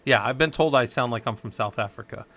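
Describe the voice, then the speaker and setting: This man talks fast in a medium-pitched, slightly bright voice. Hailing from the Southwest United States, he rambles through a casual tech tutorial on a live stream, thinking aloud and chatting with viewers.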